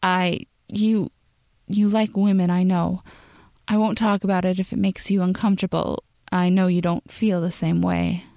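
A woman's voice: lowish voice, little pitch movement, moderate pace, vocal fry, warm tone, no room sound, studio quality. A woman voicing an awkward young male soldier who stammers and stumbles over his words, in a storybook reading. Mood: flustered.

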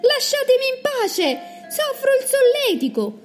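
A woman's voice: sits high, big pitch swings, normal speed, faint music behind. A woman voicing a fearless, cocky young man in a children's storybook, speaking in a brash, scolding and mocking way. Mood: bold.

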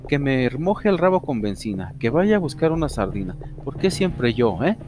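A man's voice: mid-range voice, normal speed, a little mellow, voice pushed up, close to an everyday voice. A man voicing a grumbling, put-upon male cat who complains about errands, in a storybook reading. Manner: complaining, whiny. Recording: music under the reading.

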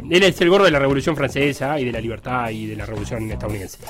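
A man with a Rioplatense Spanish accent, co-hosting a comedic sports talk show in a playful, jokey way. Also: high voice. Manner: playful, jokey, animated storytelling. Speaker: co-host.

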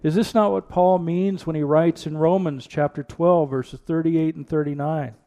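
A man preaching at a pulpit microphone, his voice gravelly and mellow. He delivers an earnest church sermon and drives his points home with repeated rhetorical questions. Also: a little high, fairly even intonation, moderate pace. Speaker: pastor. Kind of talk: sermon with prayer and scripture reading.

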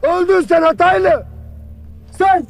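A man's voice: extremely high pitch, takes it slowly, gravelly, heavily acted. An actor playing a harsh army commander who barks questions at his soldiers with bitter sarcasm. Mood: barking harsh. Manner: barking, interrogating, bitterly sarcastic. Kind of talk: film drama acting.

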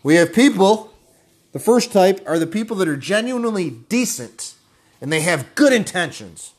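A man's voice: sits high, expressive, normal speed, husky. A man giving an intense, profane motivational rant, blunt and angry, calling his listeners guys. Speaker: motivational speaker.

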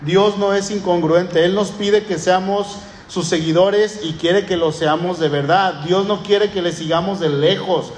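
A high-pitched man with a Mexican Spanish accent preaches a sermon to his congregation, earnest and deliberate. His voice rings through an echoey church, with faint ambience behind him. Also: steady tone, a little hiss or hum. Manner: earnest preaching, slows down for emphasis. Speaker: pastor.

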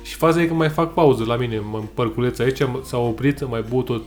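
A man's voice: medium pitch, faint music behind. A man chatting casually as a podcast co-host, joking and now and then putting on other people's voices. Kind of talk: casual chat.

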